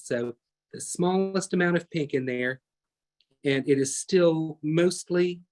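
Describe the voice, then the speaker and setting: A man teaching a live online painting class, chatty and talking through each step as he works, often correcting himself mid-sentence. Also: on the high side. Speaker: painting instructor.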